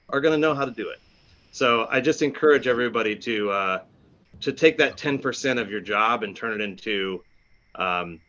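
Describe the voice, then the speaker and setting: A man's voice: fairly low pitch, sharp tone, a little hiss or hum. A man giving an earnest informal thank-you speech over a video call, his voice dull and lo-fi through a bad connection. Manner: earnest, many restarts, builds in force. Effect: bad connection, dull lo-fi call audio. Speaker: community guest speaker.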